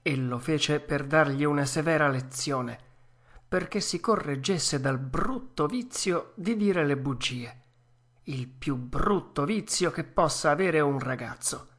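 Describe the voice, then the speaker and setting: Female audiobook narrator: deep for a woman, unhurried, measured, gentle storyteller. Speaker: audiobook reader. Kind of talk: audiobook narration of a classic children's tale.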